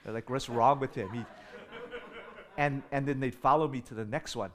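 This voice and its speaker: A man's voice: mid-range voice, moderate pace. A middle-aged man from the United States preaching a sermon, telling stories with humor and building in intensity. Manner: animated storytelling with humor, rising in volume for emphasis. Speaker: pastor.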